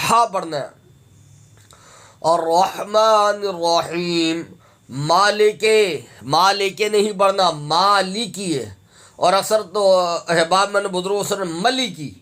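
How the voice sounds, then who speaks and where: A man with a Pakistani Urdu accent teaching tajweed, stretching out recited words slowly, then correcting pronunciation in quick explanations and repeating syllables over and over. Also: high voice, a bit bright. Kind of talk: tajweed lesson.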